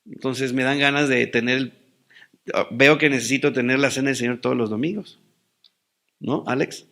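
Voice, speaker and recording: A man's voice: mid-range voice, fairly even intonation, normal speed, a bit bright. A man preaching a sermon as pastor, asking rhetorical questions and answering them with rising emphasis.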